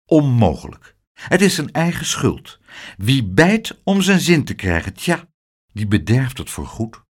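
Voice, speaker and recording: A grave gentleman from a storybook, speaking in measured, serious tones, as a man reading the tale voices him. His voice is close to the reader's own. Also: medium pitch, big pitch swings, breathy edge.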